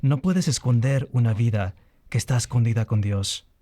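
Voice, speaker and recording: Earnest male preacher, mellow voice. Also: normal speed, no room sound. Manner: earnest, rises in pitch on key points. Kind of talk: sermon teaching.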